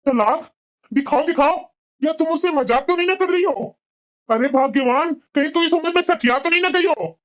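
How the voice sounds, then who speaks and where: Doting old father-in-law, as a woman voices him, high voice, teasing, fussing, cartoon, dull lo-fi sound. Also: moderate pace, natural voice. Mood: alarmed. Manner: teasing, doting toward his wife. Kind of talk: cartoon voice acting.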